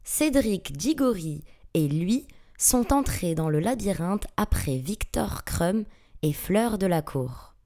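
A woman narrating a fantasy audiobook with dramatic, expressive storytelling. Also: on the low side, slow. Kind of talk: audiobook reading.

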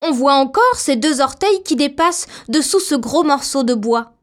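A woman doing a gentle little old witch. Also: sits high, moderate pace. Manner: calm, gently reassuring.

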